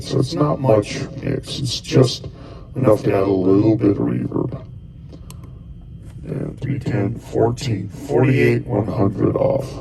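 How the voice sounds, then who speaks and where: The audio is poor, and the man's lowish voice sounds creaky and dark as he guides viewers through a costuming tutorial. He presses buttons as he goes, muttering his thoughts in rambling, loose fragments.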